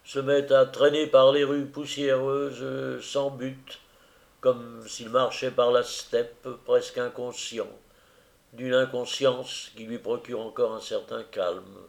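A man's voice: medium pitch, flat delivery, slow, creaky. A man reading aloud as a troubled, rambling middle-aged widower. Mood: wistful.

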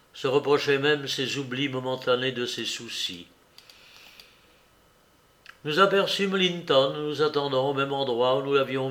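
A man narrating a classic novel as an audiobook, with a measured, even literary reading. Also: medium pitch.

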